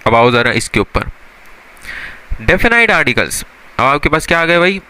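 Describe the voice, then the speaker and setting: A man's voice: on the high side, sing-song, moderate pace, pushed and bright. A young man teaching English grammar in a classroom style, asking his students questions and answering them himself, and calling them son or brother.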